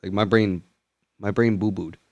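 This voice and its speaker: Deep-voiced man in his twenties, joking. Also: fairly even intonation, normal speed, a little mellow, no echo, highs cut off. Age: 20s. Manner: jokey, laughs at his own lines. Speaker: podcast co-host. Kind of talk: casual chat.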